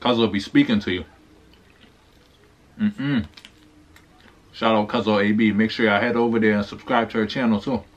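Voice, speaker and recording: Man, mouth full, chewing, low voice, lo-fi dull sound, laid-back food humming. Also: fairly even intonation, moderate pace, pauses often. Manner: laid-back, slangy, savoring hums. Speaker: mukbang vlogger. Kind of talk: casual chat while eating.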